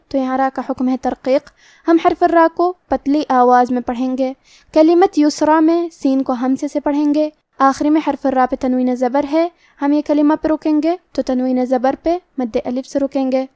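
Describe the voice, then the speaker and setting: A woman's voice: high voice, warm tone, no room sound, studio quality. A woman teaching a recitation lesson, explaining each sound carefully and methodically, step by step.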